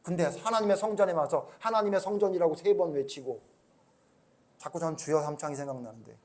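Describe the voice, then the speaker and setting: A male pastor preaching a sermon who keeps asking the congregation questions and swings between soft, low asides and loud, emphatic outbursts. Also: a little fast.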